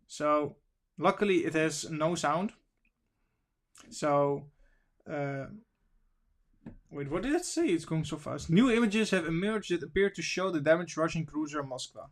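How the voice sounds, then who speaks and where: A man with a slightly raised pitch hosts a casual livestream, reading articles and viewer comments aloud as he goes. His delivery is loose and wandering, and he sounds sniffly from allergies. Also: expressive, a little slow. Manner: reads news and chat aloud, wandering and informal. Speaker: stream host.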